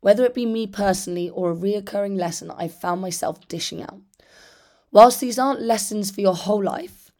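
A British woman in her thirties with a hoarse, rusty voice, chatting candidly and casually as a solo podcast host. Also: mid-range voice, warm tone. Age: 30s. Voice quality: hoarse, rusty, partly lost voice. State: hoarse after losing voice.

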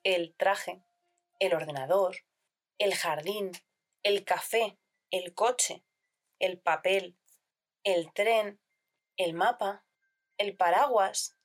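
A Spanish teacher with a medium-pitched voice calmly delivers a scripted grammar lesson. Her explanation is clear and measured, with examples given in a list.

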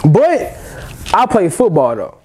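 A man's voice: high voice, wildly swooping pitch, takes it slowly, darkish tone, husky. A man in his twenties chatting casually on a podcast in slangy frat-bro style, swearing freely and saying "bro" constantly.

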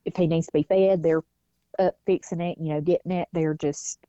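A woman's voice: sits low, steady tone, moderate pace, warm tone, no echo. A woman, a mother telling her family's story in a casual interview and acting out the voices of people she quotes. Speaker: guest, mother. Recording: dull lo-fi sound.

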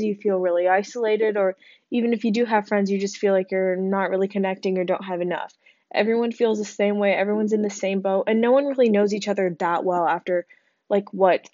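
A tired young woman talks frankly and chattily, pitched mid-range and peppered with fillers as she gives casual advice. Her voice sits dry and close, with a slightly dull, muffled sound. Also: dark tone, dry recording. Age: young adult. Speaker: podcast host.

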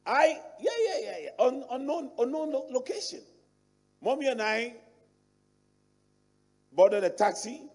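A middle-aged man with an African accent, preaching a sermon as a bishop in animated storytelling fashion. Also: extremely high pitch, unhurried, long pauses, slightly rough. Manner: animated storytelling preacher, repeats and restarts words. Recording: long reverb of a large hall.

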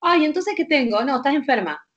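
Brisk and animated in a high voice, this guest doctor, a woman with a Rioplatense Spanish accent, explains at length with heated emphasis and keeps asking if the listener is following. The recording sounds dull and lo-fi.

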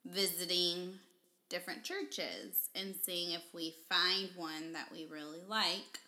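A woman's voice: on the low side, takes it slowly, sharp tone. A woman chatting casually with her husband for their vlog, chatty and giggly, rambling a little. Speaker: wife in a couple's vlog. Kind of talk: casual chat.

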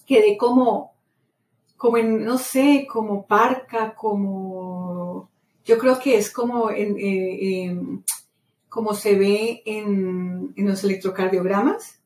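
A woman's voice: medium pitch, takes it slowly. Woman, middle-aged, from Latin America, casual motivational monologue, repetitive storytelling, roomy echo. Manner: animated storytelling, many repetitions. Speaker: podcast host. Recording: roomy echo, mic set far off, faint ambient noise.

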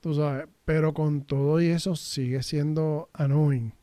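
A man's voice: fairly high pitch, steady tone, a little slow, dark tone, dry recording. A man in a casual chat, rambling and mixing in English words.

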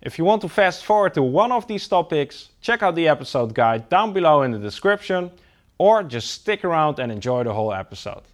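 A man's voice: on the high side, big pitch swings, a little fast. A man hosting an interview podcast, with an upbeat, welcoming presenter delivery. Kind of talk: scripted show introduction and interview.

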